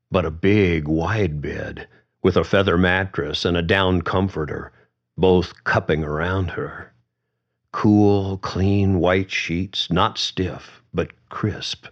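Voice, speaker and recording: A man reads a story aloud in a calm, measured way, his voice very deep and his pace unhurried. The recording sounds dull and lo-fi. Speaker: narrator. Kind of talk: audiobook narration.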